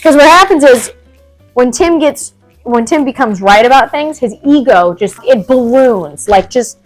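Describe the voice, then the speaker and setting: A young woman hosts a DIY vlog at home, chatting casually through a task and rambling with plenty of fillers, breaking off now and then with a dry, wheezy cough. Her high-pitched voice is expressive and measured in pace, with faint music behind and low recording quality.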